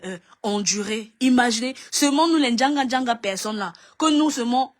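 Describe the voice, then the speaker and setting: A woman ranting in a video, scolding and mocking with lots of repetition. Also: on the high side. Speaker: online commentator.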